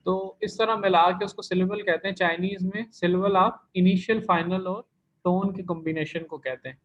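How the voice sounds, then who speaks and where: A man's voice: high voice, steady tone, moderate pace. A man teaching an online language class, explaining patiently step by step and repeating key terms. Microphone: computer mic in an online class. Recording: dull lo-fi online class recording.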